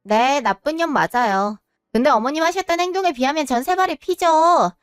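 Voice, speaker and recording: A defiant daughter-in-law, coolly polite and cutting, voiced by a woman. The voice is very high and dry, with soft music behind. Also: lively intonation, normal speed, no room sound. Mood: coldly defiant. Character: cold, defiant daughter-in-law taking revenge.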